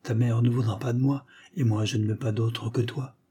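Guy doing a shy young man in love, low and hesitant, dark husky storybook voice. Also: steady tone, normal speed, close to an everyday voice. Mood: earnest. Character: young man, shy, earnest lovesick suitor.

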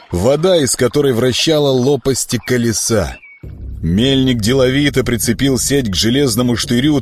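A man reading a fantasy audiobook, storytelling with lively delivery. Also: medium pitch. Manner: lively storytelling, voicing characters. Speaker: narrator. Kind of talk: audiobook narration.

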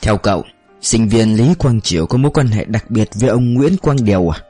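A man doing a quiet, probing police chief. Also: fairly low pitch, animated, a little fast, husky, no room sound, faint music behind.

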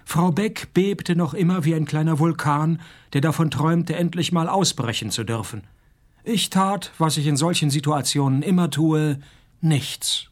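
Husky, sardonic noir detective. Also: male voice, on the high side, unhurried. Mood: dry, weary. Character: hard-drinking, cynical noir private detective, world-weary man. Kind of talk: scripted radio crime drama with first-person narration.

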